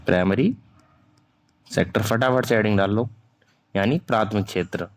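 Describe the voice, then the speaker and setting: An online teacher, a young man with a somewhat low voice, lectures classroom-style at a moderate pace and dictates notes. Mixing Hindi and English, he says "theek hai" after nearly every phrase to see if the class follows, and his informal, self-deprecating talk includes correcting his own slips aloud.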